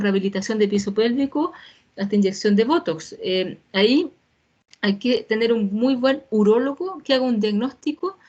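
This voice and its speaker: A woman's voice: medium pitch, a little mellow. Woman doctor lecturing over lo-fi call. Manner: explanatory, casual asides and tag checks. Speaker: physician giving a patient talk. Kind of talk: informal medical lecture.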